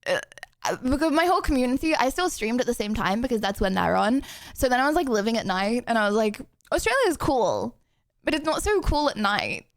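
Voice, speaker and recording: A woman's voice: fairly high pitch, big pitch swings, brisk, no echo, studio quality. A woman, chatting casually on a stream, giggly and rambling. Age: 20s. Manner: giggly, rambling, lots of "like" and "bro". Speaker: streamer, host of the collab.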